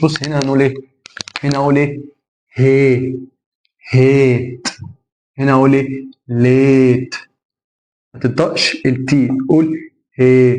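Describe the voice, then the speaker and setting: A man's voice: medium pitch, a little mellow, slight background noise. Egyptian man drilling vowel sounds. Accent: Egyptian Arabic. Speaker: English teacher. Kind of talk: classroom lesson explanation.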